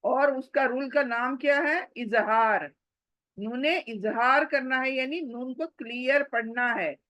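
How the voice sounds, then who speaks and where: A woman's voice: high voice, slow pace, fairly bright tone, no echo, poor audio. A woman teaching Quran recitation step by step, patiently explaining the rules and stretching and repeating sounds to demonstrate them. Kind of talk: step-by-step pronunciation lesson.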